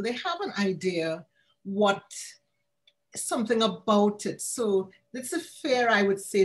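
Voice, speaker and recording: Trinidadian woman hosting a health chat. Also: mid-range voice. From Trinidad and Tobago. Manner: warm, chatty, laughs often. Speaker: pediatrician and host. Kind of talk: online health talk interview.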